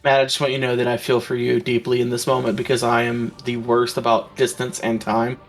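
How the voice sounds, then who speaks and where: A man's voice: medium pitch, completely flat delivery, brisk, soft background music. A man chatting casually as a player at a tabletop game, rambling with lots of ums and restarts.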